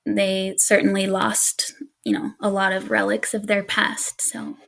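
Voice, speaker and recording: Slow, gravelly-voiced woman podcaster. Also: medium pitch. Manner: relaxed, laughs often, easygoing with fillers. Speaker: podcast co-host. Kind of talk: casual storytelling chat.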